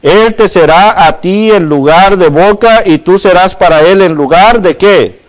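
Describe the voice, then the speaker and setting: A man's voice: high-pitched, a little slow, poor audio. A man preaching a sermon and reading from the Bible, asking his listeners rhetorical questions and calling them brothers. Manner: peppers speech with rhetorical questions and "verdad".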